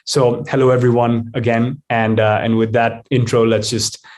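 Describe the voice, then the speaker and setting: A male host speaks at a medium pitch. He introduces and questions a guest in an explanatory manner suited to young students. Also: little pitch movement, moderate pace, darkish tone. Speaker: host, moderator. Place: online video event.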